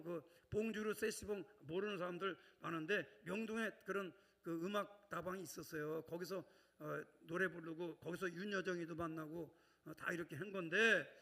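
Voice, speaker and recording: Male pastor, high and very bright voice, chatty sermon full of quick check-ins, long church echo. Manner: conversational, keeps prompting the congregation. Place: church sanctuary.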